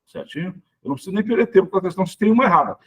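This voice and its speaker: A man leads an exam prep lesson in a husky, slightly raised voice. His pitch swings widely as he punches out each example word and checks in with "tá?" after nearly every point. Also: expressive. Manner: explains step by step, checks in with "tá?" and "certinho?"; stresses each example word loudly and slowly. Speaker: Portuguese teacher.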